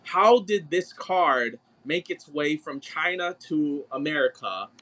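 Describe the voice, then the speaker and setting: A man's voice: a little high, expressive, takes it slowly, bright, forceful tone. A man hosting a livestream, talking in a blunt, exasperated way and swearing often. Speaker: livestream seller. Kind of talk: casual livestream chat.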